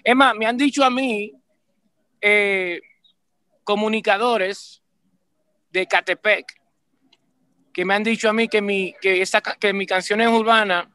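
A band leader in his forties, from Puerto Rico and the Dominican Republic, chats animatedly with a Caribbean Spanish accent as a musician guest in a casual interview over a video call webcam. His high-pitched voice moves a little slowly, with long pauses, and sounds smooth in a dry recording. He often restarts his sentences and keeps repeating "¿me entiendes?"

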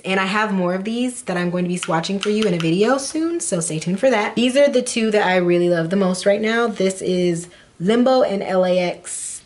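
A woman's voice: mid-range voice, a little hiss or hum. A young adult woman vlogging casual beauty product reviews in a gushing, dramatic, playful way.

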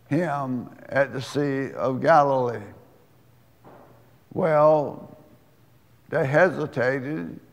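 A man preaching a sermon, telling a homely story in a slow, folksy way before turning to scripture. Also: medium pitch, creaky, big-room sound. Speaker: pastor.

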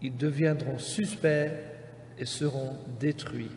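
Man announcer, slow and formal, over an airport PA in a big echoey hall with a long reverb tail and faint background noise. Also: mid-range voice, fairly even intonation, darkish tone. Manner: measured, formal, carefully spaced phrasing. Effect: over an airport PA system. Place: airport terminal.

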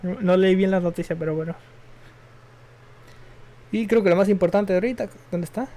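Young male streamer, a touch high-pitched, loose and slangy, drifts between game and news. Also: brisk, warm tone. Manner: rambling, offhand, slangy and self-correcting. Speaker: gaming streamer. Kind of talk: casual live-stream chat while gaming.

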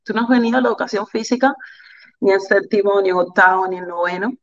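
Through dull audio, a Cuban woman with a mid-range voice talks fast about her life as a volleyball player. She's a candid, animated interview guest with a Cuban Spanish accent who repeats phrases for emphasis.

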